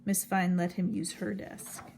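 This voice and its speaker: A woman reading a children's picture book aloud, telling the story slowly and clearly. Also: on the low side, little pitch movement, darkish tone, a little hiss or hum. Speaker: storybook reader.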